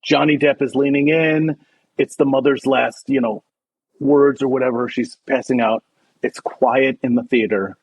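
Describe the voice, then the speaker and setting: A man's voice: mid-range voice, moderate pace, slightly rough, dry recording, low-quality recording. A man co-hosting a podcast, telling a funny story in casual chat, acting out quotes and laughing along. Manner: animated, laughing, acts out quotes. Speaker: podcast co-host.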